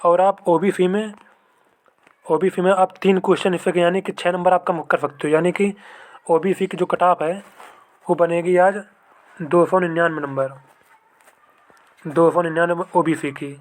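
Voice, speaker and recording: Calling his viewers brothers, a young exam-prep host who is also a candidate walks through mock test scores and cut-offs informally. He speaks at normal speed in a high, steady voice with long pauses, often repeating himself and asking "okay?"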